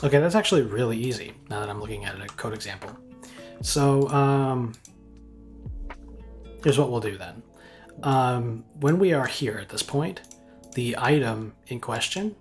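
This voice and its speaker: A man walking through his game engine code live, thinking aloud in a halting way with frequent ums and restarts. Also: mid-range voice. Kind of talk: live coding walkthrough.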